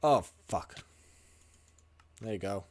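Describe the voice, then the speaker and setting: A man's voice: lowish voice, expressive, takes it slowly, a little mellow. A man streaming a video game, chatting casually, muttering and swearing as he plays. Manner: mutters and swears while playing. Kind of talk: casual gaming livestream chat.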